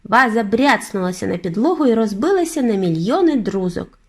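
A woman narrating a children's bedtime audiobook in an expressive, animated way. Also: fairly high pitch, a little fast. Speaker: audiobook reader.

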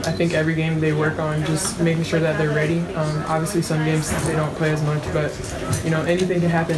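A young woman, a college basketball player, answering questions in a postgame press interview, measured and soft-spoken with frequent ums. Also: sits low. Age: young adult. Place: small indoor press room.

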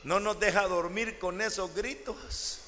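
Complaining neighbors in a spoken story, grumbling about the noise, as a male preacher voices them. The voice is high and bright, and it echoes through a church hall. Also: fairly even intonation, measured pace. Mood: annoyed. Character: annoyed neighbors of a shepherd, story.

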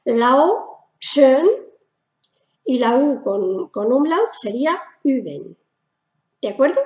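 A woman's voice: on the high side, sing-song, takes it slowly, darkish tone, roomy sound, lo-fi sound. A woman with a Spanish accent from Spain teaching German pronunciation in a casual video lesson, patient and repeating each sound.

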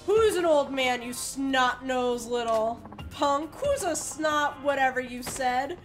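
A woman's voice: high-pitched, takes it slowly, faint music behind. A woman voicing a drunk, belligerent male street thug with a slurred, swaggering drawl. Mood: drunk bravado.

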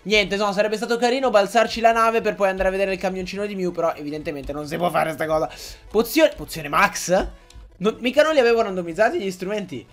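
A young man with a high voice gives excitable Let's Play commentary. He swears freely and keeps breaking into outbursts at the game. Faint game music plays behind him. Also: quick pace. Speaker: gaming YouTuber.

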